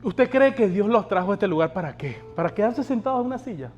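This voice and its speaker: A man's voice: high voice, lively intonation, fast talker, a little mellow, faint music behind. A male pastor preaching a sermon, urging the congregation on and asking them rhetorical questions.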